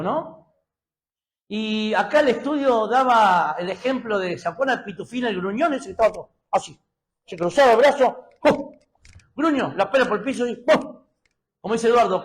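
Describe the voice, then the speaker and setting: Middle-aged Argentine pastor, man with a high voice, emphatic sermon delivery that slows down for scripture readings. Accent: Argentine Spanish. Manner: emphatic preaching, slowing to read scripture aloud.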